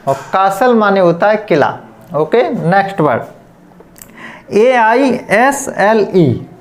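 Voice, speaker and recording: Man teaching slowly, spelling out words. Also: high voice. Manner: spells words out letter by letter, then repeats each word slowly; ends points with a steady "okay". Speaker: English teacher. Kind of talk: classroom pronunciation lesson.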